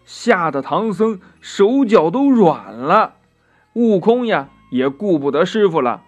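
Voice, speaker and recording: A man narrating a children's story at an unhurried, lively pace, drawing out the ends of his phrases. His voice sits a little high, and soft music plays faintly behind him.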